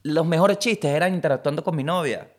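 A man's voice: fairly high pitch, brisk. A young man hosts a comedy podcast, telling stories as a monologue, swearing freely and acting out quotes in jumpy voices. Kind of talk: comic monologue.

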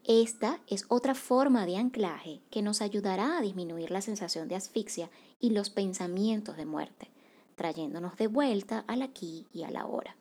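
A woman hosting a wellness podcast as a psychocorporal facilitator, reading a scripted monologue in a calm, measured, soft-spoken way. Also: mid-range voice.

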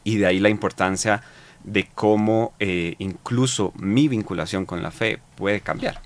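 Deep-voiced Costa Rican man, halting. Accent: Costa Rican Spanish. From Costa Rica. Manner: halting, many fillers and repeated words. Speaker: interview guest. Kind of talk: reflective conversational interview.

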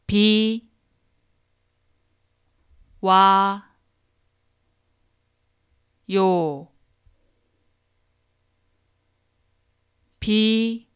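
Female podcast teacher, dictionary-style pronunciation, unhurried and crisp, separated syllables for learners to repeat. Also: mid-range voice, a bit bright, dry recording, clean studio sound. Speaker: host of a Korean lesson podcast. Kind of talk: instructional podcast narration.

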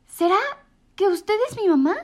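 A woman's voice: very high-pitched, normal speed, dark tone, pitched above the performer's own voice. A woman voicing a tiny, lonely young male bird who eagerly pleads to find his mother, in a storybook reading.

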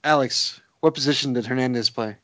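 A man's voice: medium pitch, brisk, a bit bright, no echo. A man co-hosting a casual podcast, describing movie scenes with a lot of fillers and laughter. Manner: chatty, hesitant with fillers, laughs easily. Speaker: podcast co-host. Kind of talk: casual chat. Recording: dry, dull lo-fi audio.

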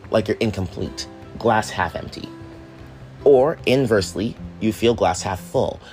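A man's voice: fairly low pitch, darkish tone. A man hosting a casual, reflective monologue, rambling a little and dropping self-deprecating asides and the odd swear word. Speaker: podcast host.

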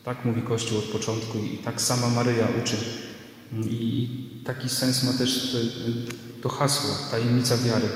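A Polish man giving a measured, reflective sermon-like talk, recorded in a church with cathedral-like echo. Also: mid-range voice, flat delivery. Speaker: religious podcast host and preacher. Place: inside a church. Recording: reverberant church echo, farther from the mic.

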